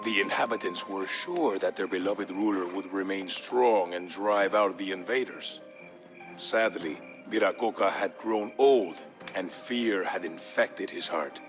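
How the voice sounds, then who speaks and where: A man in a fairly low voice narrates a dramatic historical story from a game campaign storyline. He speaks in a measured, solemn way as music plays softly in the background.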